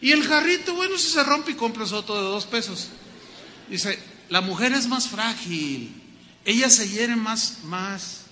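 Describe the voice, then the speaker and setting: A man's voice: high-pitched, measured pace. A Mexican man preaching a folksy, joking sermon as a pastor. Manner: lively, folksy, joking, acts out little scenes. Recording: long hall reverb.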